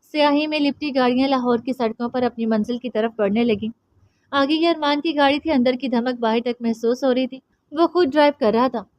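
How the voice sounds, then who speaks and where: A woman narrating a romance novel audiobook in an expressive, dramatic storytelling manner. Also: sits high, brisk, dry recording. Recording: dry, slightly dull audio.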